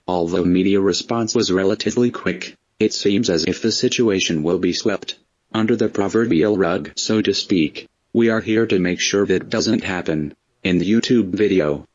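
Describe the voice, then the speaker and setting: A man with a disguised, pitched-down deep voice, reading a scripted statement in a flat, measured, ominous way, as an anonymous spokesman. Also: no room sound. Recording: dull lo-fi, dry sound.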